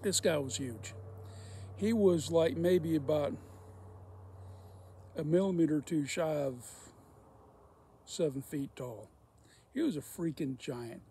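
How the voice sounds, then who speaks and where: A man's voice: fairly high pitch, takes it slowly, pauses often, warm tone, slight background noise. A man telling a folksy, rambling work story in casual speech while smoking a pipe. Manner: folksy, rambling, repeats himself. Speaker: storyteller, former welder.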